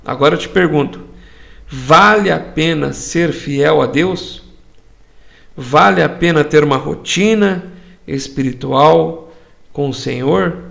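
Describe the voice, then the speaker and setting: A man's voice: fairly high pitch, slow pace, creaky, a bit bright. A man teaching a church Bible study, explaining words through rhetorical questions.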